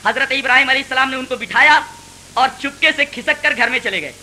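A man's voice: extremely high pitch, sharp tone, a little hiss or hum, rough recording. A man giving a Quran commentary lecture, preaching emphatically with rhetorical questions.

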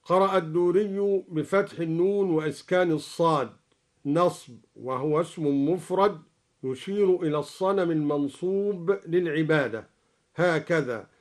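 A man explaining variant readings of scripture in a measured way, chanting each quoted verse in turn. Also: fairly high pitch. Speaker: Quran recitation scholar.

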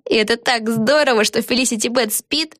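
An eager, bouncy young girl witch, as a woman reading a storybook puts her on. She speaks up high in quick, chatty phrases. The recording is dry and close. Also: fairly bright tone, dry recording, natural voice.

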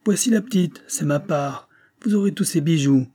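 A man reading an audiobook and voicing a brutal, mocking male bandit leader in a raised, louder voice. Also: fairly high pitch, expressive, normal speed, voice pushed up. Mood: sneering. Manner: taunting, mocking.

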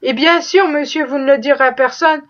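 A desperate young mother on the run pleads fervently for help, voiced by a woman reading the story. The voice is high and bright, and the recording sounds dull. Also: fairly even intonation, fairly quick. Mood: pleading. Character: desperate young mother fleeing with her child.

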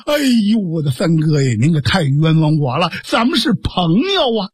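男说书人演的 正直剑客，说话恳切，评书腔北京口音，沙嗓，声音干. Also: male voice, a little high, very animated, normal speed, slightly rough, no room sound, studio quality. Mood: pleading. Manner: pleading, earnest. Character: earnest upright male swordsman official. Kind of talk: traditional storytelling.

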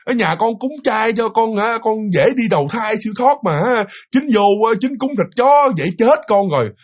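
A man's voice: extremely high pitch, lively intonation, moderate pace, pitched above the performer's own voice. A man with a Southern Vietnamese accent voicing a vengeful young female ghost who scolds and curses shrilly. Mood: reproachful.

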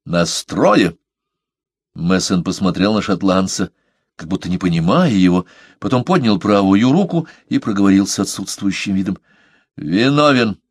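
A man narrating an audiobook with an expressive, dramatic reading. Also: low voice, brisk, breathy edge, no room sound, studio quality.

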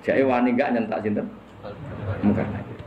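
A man's voice: mid-range voice, steady tone, moderate pace, dull audio. A man with a Javanese accent giving a religious lecture, telling humorous stories and often laughing. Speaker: Islamic preacher. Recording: echoey room with faint noise.

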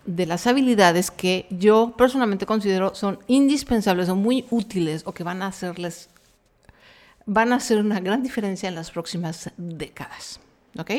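Brief: middle-aged Mexican woman, podcast host, Mexican accent, mid pitch, frank and chatty, slangy asides. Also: darkish tone. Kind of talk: casual chat monologue.

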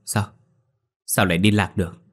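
Guy reading as a worried village man, low voice, asking stuff quickly. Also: fairly even intonation, a bit bright. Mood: alarmed.

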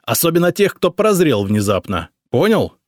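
A man reading an audiobook, voicing a gruff, irritable middle-aged emperor who grumbles and barks at his servant. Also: fairly high pitch, big pitch swings, normal speed, darkish tone, no echo, clean studio sound, voice pushed up. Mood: angry barking. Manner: barking, exasperated outbursts.

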